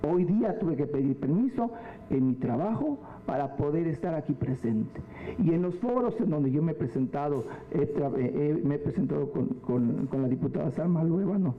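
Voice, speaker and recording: Man in the audience at a forum, earnest comment, narrow tinny sound. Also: fairly high pitch. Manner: earnest, rising rhetorical questions. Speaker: audience member at a public forum. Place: legislative hall forum. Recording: tinny phone-like sound with faint hum.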